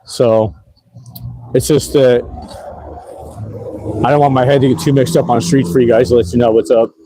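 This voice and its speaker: A man's voice: medium pitch, warm tone, a little hiss or hum, rough recording. Laid-back man rambling on a ride. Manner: rambling, laid-back, lots of fillers and laughs. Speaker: e-bike vlogger. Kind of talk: casual livestream narration while riding. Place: outdoors on city streets at night.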